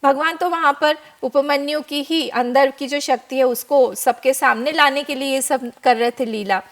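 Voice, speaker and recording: High-voiced woman telling a devotional tale. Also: moderate pace. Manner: animated storyteller, acts out characters. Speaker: spiritual teacher, guest expert. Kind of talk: devotional storytelling discourse.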